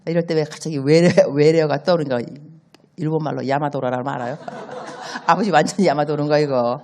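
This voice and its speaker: A woman's voice: low-pitched, fast. A woman missionary preaching a sermon in a church, telling stories and acting out the dialogue. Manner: animated storytelling, acts out dialogue.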